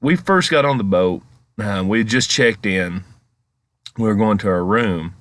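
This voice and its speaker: Low-voiced man telling ghost stories, dry sound. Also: expressive, unhurried, a bit bright, no room sound. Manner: rambling, conversational. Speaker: paranormal vlog host. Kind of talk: casual storytelling commentary over footage.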